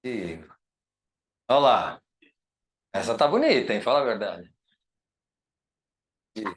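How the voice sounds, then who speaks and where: A man's voice: mid-range voice, big pitch swings, slow pace. A man with a Brazilian Portuguese accent, an architect giving a chatty, enthusiastic informal lecture over slides, often checking in with the audience. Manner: chatty and enthusiastic, many tag questions. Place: lecture room.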